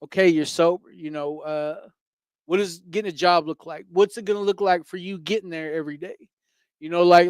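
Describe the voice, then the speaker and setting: A man with a high, smooth voice speaks earnestly about recovery, circling back with many fillers. The sound is dry and close. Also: dry recording. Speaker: co-host. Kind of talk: casual recovery talk.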